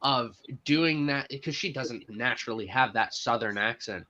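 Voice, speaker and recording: A man's voice: mid-range voice, moderate pace, bright, forceful tone, muffled recording. A man co-hosting a casual movie review chat, praising the acting with enthusiasm and a lot of "like" and "uh". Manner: enthusiastic praise, many fillers like "like" and "uh".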